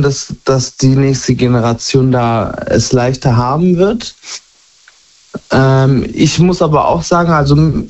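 A man in his twenties from Germany, talking candidly and haltingly about his own life in a conversation. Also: on the high side, darkish tone. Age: 20s. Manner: halting, searching for words. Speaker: guest. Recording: dull lo-fi sound.

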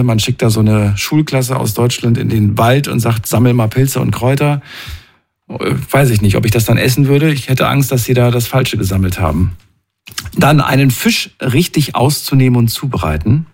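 A man's voice: mid-range voice, vocal fry, slightly rough. A man hosting a radio phone-in show from the studio, chatting casually with callers and listeners. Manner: chatty, warm-hearted asides.

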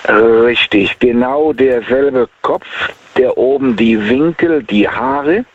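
A man calling in to a radio show over the phone from his car, talking in a halting way with many fillers. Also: medium pitch, big pitch swings, creaky, noisy background. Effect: heard over the phone. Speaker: radio call-in caller. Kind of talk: casual call-in chat. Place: sitting in a car. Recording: muffled phone line from a car.

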